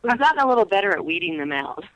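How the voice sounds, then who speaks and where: A woman's voice: medium pitch, big pitch swings, rapid-fire, a bit bright, no room sound. A woman calling in as an interview guest on speakerphone, her voice muffled, talking chattily with many restarts. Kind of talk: casual phone interview.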